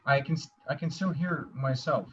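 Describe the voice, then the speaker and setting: Speaking at a normal speed in a fairly high-pitched voice, a man hosts a casual video-call interview, keeping his questions informal and easygoing. The call audio sounds dull, with faint noise.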